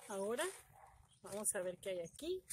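Excited woman unboxing plants. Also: medium pitch, moderate pace, background noise. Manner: excited and emotional, giggly, talks to viewers. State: trembling with excitement. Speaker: gardening vlogger. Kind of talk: casual unboxing vlog.

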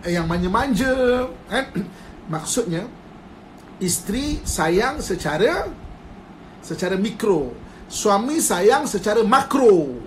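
A man's voice: sits high, big pitch swings, slow pace, a little hiss or hum. A man with a Malaysian Malay accent giving an informal religious talk on a live stream. He mixes in English terms, laughs often and acts out quoted husbands and wives. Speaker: Islamic religious teacher. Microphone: phone live stream.

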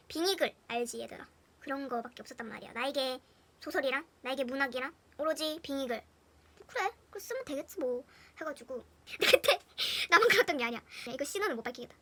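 A young woman with a Gyeongsang Korean accent telling funny school stories to her viewers in a casual, animated way, swinging between hushed whispers and loud bursts with lots of laughter. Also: sits high. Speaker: storyteller vlogger. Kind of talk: casual anecdote storytelling to viewers.

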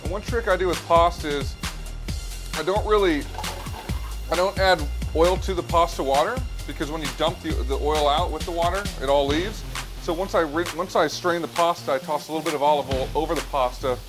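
Standing at a hot stove in a restaurant kitchen, a chef in his thirties walks through making a pasta dish one step at a time. He speaks at a fairly high pitch and a little quickly, calmly describing what he's doing as he cooks, while music runs beneath his voice.

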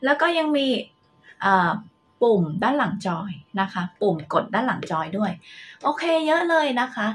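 A woman's voice: on the high side, lively intonation, normal speed. Chatty polite woman reviewing a gadget. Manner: polite, chatty, ends nearly every phrase with soft polite particles. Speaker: vlogger reviewing a game controller. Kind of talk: casual product unboxing and review.

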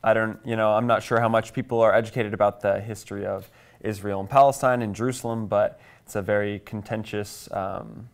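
A fairly low, steady voice delivered briskly belongs to a man in his twenties from Kansas, United States. With an American accent, he answers conversationally as an interview guest in a small indoor TV studio, miked with a lapel mic.

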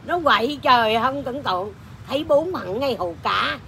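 A woman tells a funny story bluntly and crudely, in a lively manner. Her voice sits a little high and sounds bright and sharp. Faint noise runs under her voice. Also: measured pace. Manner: crude, blunt and animated, laughing often. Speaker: lô tô troupe performer. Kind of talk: casual comic anecdote.

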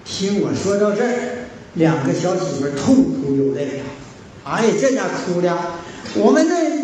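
A man with a Northeastern Mandarin accent tells stories in a folksy moral sermon, acting out the dialogue with broad animation. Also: sits high. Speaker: moral teacher lecturing at a forum. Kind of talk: storytelling folk sermon. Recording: very echoey hall, distant mic, faint hiss.

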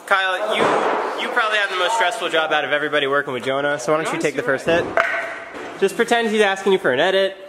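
A man's voice: high-pitched, expressive, fast talker, in a large hall, heavy background noise. A young adult man chatting casually and jokingly in a vlog.

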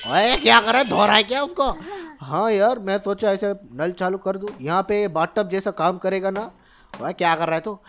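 A young man hosting comic gameplay commentary, excitable and full of banter, switching between two bickering voices. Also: high voice. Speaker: gaming channel host.

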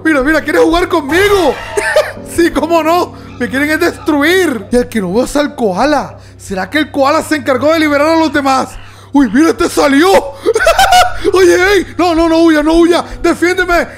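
An excitable young man with a very high voice chatters through a horror game, yelping and laughing as he goes. Faint game music plays under his talk. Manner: excitable, yelps and laughs, talks to viewers as "amigos". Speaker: gaming YouTuber. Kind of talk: horror game let's play commentary.

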